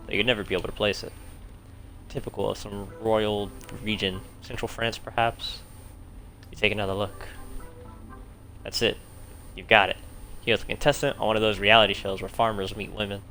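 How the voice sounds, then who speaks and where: A man's voice: fairly low pitch, steady tone, normal speed, gravelly, pauses often, sharp tone, faint music behind. A man streaming a game, reading its text aloud plainly and chatting casually with free swearing.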